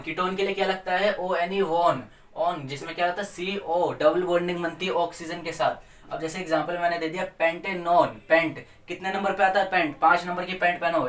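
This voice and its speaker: A male teacher runs a chemistry revision in a slightly higher voice, playful and quizzing the class as he answers his own questions. His sound carries the echo of a roomy space and comes from a few steps away from the mic. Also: a bit bright. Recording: echoey room, mic at a distance.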